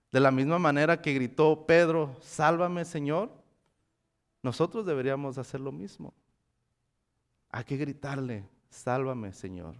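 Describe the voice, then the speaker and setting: A man preaching a sermon in a church, reading scripture dramatically and asking the congregation rhetorical questions. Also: on the high side. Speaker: pastor. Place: church sanctuary.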